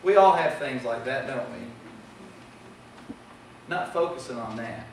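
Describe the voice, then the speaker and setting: A man's voice: medium pitch, expressive, measured pace, heavy reverb, recorded from a distance, a little hiss or hum, rough recording. A man preaching a sermon with impassioned delivery that rises and falls in volume. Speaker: pastor. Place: church sanctuary.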